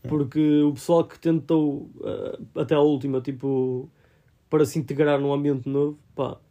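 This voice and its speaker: A man's voice: on the high side, level tone, moderate pace, dark tone, dull audio. A young man chatting casually about things in slangy speech sprinkled with English words. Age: young adult. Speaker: film discussion podcast co-host. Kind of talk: casual chat.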